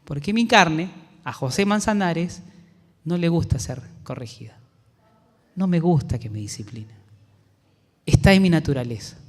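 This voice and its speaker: A man with a Peruvian accent preaching a sermon as pastor, earnest and turning soft when he tells a personal story. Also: a little high, lively intonation, unhurried, long pauses. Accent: Peruvian Spanish. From Peru. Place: church sanctuary. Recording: long church hall reverb.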